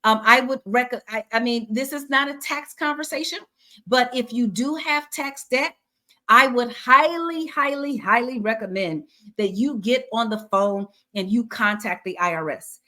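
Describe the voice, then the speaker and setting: A woman's voice: a little high, unhurried, bright, forceful tone. A middle-aged woman who teaches personal finance, running a webinar and answering questions with an encouraging, preacher-like cadence and lots of repetition. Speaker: financial educator.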